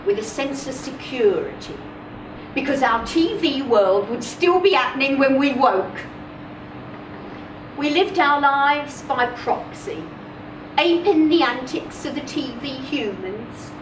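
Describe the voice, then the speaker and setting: Performing a dramatic first-person story live, a woman reader uses a high, expressive voice and takes her time, pausing evenly between phrases. The distant recording picks up room echo and noticeable background noise.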